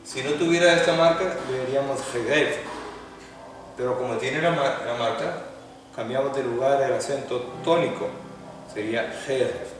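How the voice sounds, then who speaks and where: A man's voice: mid-range voice, normal speed. Guy giving a hebrew lesson, patient explainer, recorded from far off in a big echoey room. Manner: patient, explains step by step, asks students questions. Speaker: Hebrew teacher. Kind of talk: classroom lecture.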